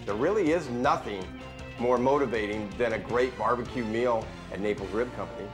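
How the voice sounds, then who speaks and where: A man's voice: medium pitch, moderate pace. Easygoing man in a radio ad. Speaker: ad voice playing a coach. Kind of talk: scripted radio ad. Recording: music bed behind.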